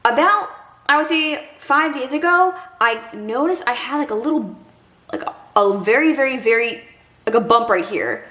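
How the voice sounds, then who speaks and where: A woman's voice: high voice, animated, moderate pace, fairly bright tone, reverberant. A young woman with a congested nose, chatting casually in an advice vlog, full of fillers. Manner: chatty, many fillers like "like" and "kinda". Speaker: vlogger.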